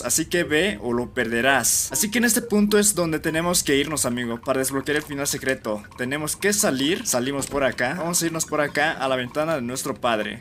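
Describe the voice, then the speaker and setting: A man giving casual, excitable let's-play commentary on a video game, talking to his chat like a buddy. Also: a little high. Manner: casual and excitable, keeps saying "men" and "amigo". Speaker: gaming YouTuber.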